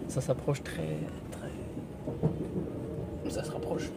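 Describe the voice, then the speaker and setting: A young adult man from France chatting casually to the camera and a friend, excitable, slangy and joking. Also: slow pace. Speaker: vlogger. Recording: noisy vlog audio with loud vehicle rumble.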